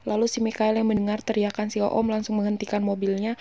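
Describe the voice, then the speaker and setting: A woman's voice: medium pitch, monotone, quick pace, background noise. A woman narrating a film recap in a casual, chatty way, slipping in slangy joking asides.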